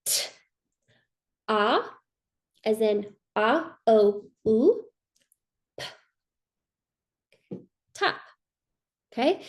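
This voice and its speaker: Woman walking teachers thru spelling dictation, keeps saying okay?, kinda high voice. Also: a little mellow. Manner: frequent "okay?" check-ins, patient and explanatory; slows down to enunciate dictation words. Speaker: literacy trainer. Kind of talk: instructional training video.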